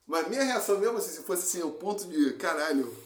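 A man's voice: sits high, animated, quick pace, echoey room. A man co-hosting a casual podcast chat, talking bluntly and swearing often, with frequent restarts. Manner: blunt and profane, many restarts. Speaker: podcast co-host.

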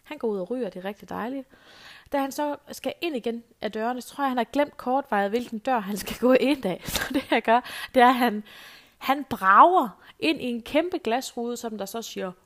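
A woman's voice: fairly high pitch, a bit bright. A middle-aged woman hosting a talk show, telling a casual anecdote in a chatty way with lots of fillers. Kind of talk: casual storytelling monologue.

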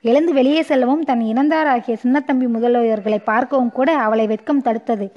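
Female audiobook narrator, steady storytelling, slightly high, dull recording. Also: fairly quick.

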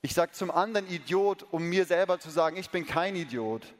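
A man's voice: high-pitched, animated, fairly quick. A man preaching a sermon earnestly, talking straight to his listeners and asking them questions. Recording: long reverb of a large hall.

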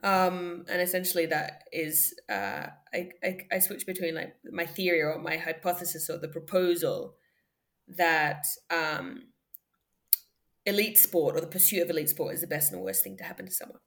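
A woman with a low-pitched voice, raised in Australia, speaks as a podcast guest. She reflects thoughtfully and in an unhurried way, with many ums and self-corrections. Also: lively intonation, fairly bright tone. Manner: thoughtful, frequent ums and restarts, light laughter. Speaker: podcast guest, former sprinter. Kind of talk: reflective conversational interview.

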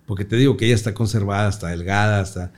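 A man's voice: on the low side, fairly even intonation, racing. A middle-aged Mexican man, a comedian guest, telling stories in casual chat, swearing freely and laughing at his own jokes. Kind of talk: casual storytelling interview.

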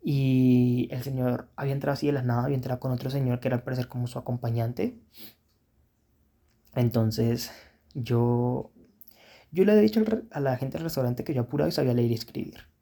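A man recounts his own misadventures in a candid, rambling, self-critical manner. His voice is gravelly and husky, with a dark, mellow tone. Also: mid-range voice, steady tone, brisk. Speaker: storyteller. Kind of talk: casual first-person storytelling.

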